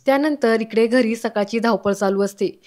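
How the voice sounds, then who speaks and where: A woman narrating a recap of a television serial episode in a steady storytelling manner. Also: on the high side, moderate pace.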